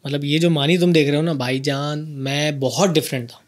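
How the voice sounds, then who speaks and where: Animated man telling stories. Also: fairly high pitch, moderate pace. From Karachi, Pakistan. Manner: animated, lively storyteller. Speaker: podcast host. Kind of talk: casual storytelling chat.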